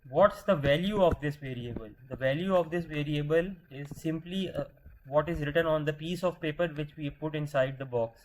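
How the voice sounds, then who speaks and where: During a screen-share coding lesson, a man with a fairly high voice speaks at a moderate pace. He patiently asks questions and answers them himself, often restarting words mid-sentence. Slight background noise and a rough recording come through.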